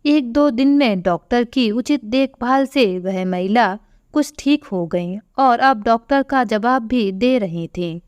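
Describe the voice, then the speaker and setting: A woman narrating a scripted emotional audio story in an even, storytelling manner. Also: on the high side, slow, clear, resonant tone, no echo, dull audio.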